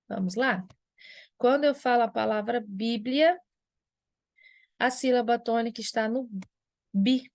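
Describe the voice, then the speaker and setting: High-voiced teacher, patient. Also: female voice, no echo, studio quality. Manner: patient, explanatory, answers imagined student questions. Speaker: Portuguese language teacher. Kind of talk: classroom lesson at a whiteboard.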